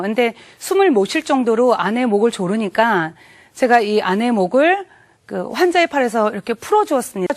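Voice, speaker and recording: A middle-aged woman giving an earnest church testimony, telling a story vividly and acting out scenes. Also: medium pitch. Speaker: testimony speaker.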